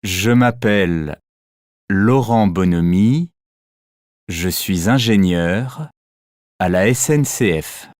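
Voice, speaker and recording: Slow, low-voiced man reading a lesson. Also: expressive, a little mellow, no echo, clean studio sound. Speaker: textbook audio narrator.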